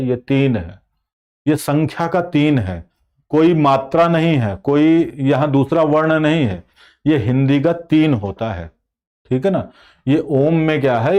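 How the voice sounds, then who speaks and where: Patient teacher, slightly high voice. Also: male voice, dull audio. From India. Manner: explains patiently, asks questions to the class and answers them himself. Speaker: Hindi teacher. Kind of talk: online exam-prep class.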